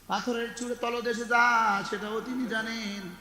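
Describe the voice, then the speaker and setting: A man's voice: extremely high pitch, level tone, measured pace. A male preacher giving an Islamic sermon, chanting Arabic verses and calling out questions to the congregation. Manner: chanting Arabic verses, call-and-response with the crowd. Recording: echoey hall with long reverb.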